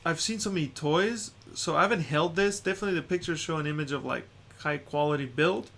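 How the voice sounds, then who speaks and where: A man's voice: on the high side, fast talker, a bit bright. A man co-hosting a podcast in a laid-back, chatty way, laughing often. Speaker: podcast co-host. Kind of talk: casual chat. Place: home room.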